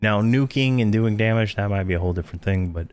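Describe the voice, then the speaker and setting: A man's voice: fairly low pitch, fast, darkish tone, smooth, no room sound, faint music behind. A man giving casual gameplay commentary, thinking aloud with many fillers, tired and yawning. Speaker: game guide creator.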